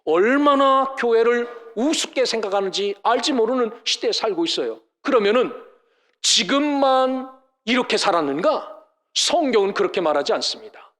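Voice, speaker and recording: A man's voice: very high-pitched, lively intonation, normal speed, a bit bright. A male pastor preaching a sermon at a church service, emphatic and full of rhetorical questions to the congregation. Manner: mimics scoffers in mocking voices.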